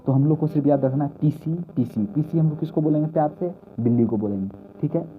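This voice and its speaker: A man with a fairly high voice talks quickly over slight background noise, teaching exam mnemonics. He keeps repeating key words and poses questions that he then answers himself. The audio is tinny and lo-fi, like a phone recording.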